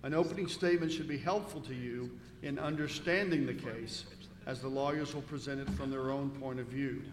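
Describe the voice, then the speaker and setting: A man's voice: medium pitch, brisk. A man speaking as presiding judge, giving formal scripted instructions to a jury. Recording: echoey reverberant hall with faint noise.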